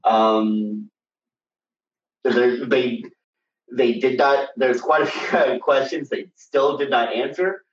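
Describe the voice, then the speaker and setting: Male co-host, down-a-well echo, distant and muffled, halting casual chat. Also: medium pitch. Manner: hesitant, full of ums and restarts. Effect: sounds like he is down a well. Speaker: co-host of a fan discussion stream. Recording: echoey, distant, muffled remote audio.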